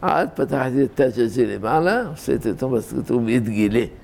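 Older male religious teacher, gravelly voice, informal and deliberate, often repeats himself and self-corrects. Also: mid-range voice, lively intonation, noisy background. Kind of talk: informal scholarly talk on scripture reading.

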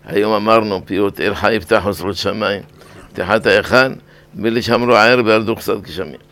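An older man, a rabbi, giving a weekly sermon on scripture and law, talking deliberately and repeating words for emphasis. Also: lowish voice, fairly bright tone.

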